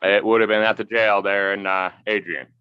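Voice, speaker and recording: A man's voice: fairly low pitch, little pitch movement, normal speed, clear, resonant tone. A man on a phone line, a defendant giving brief, plain answers to a judge at a remote court hearing. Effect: heard over a phone line. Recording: muffled lo-fi phone audio.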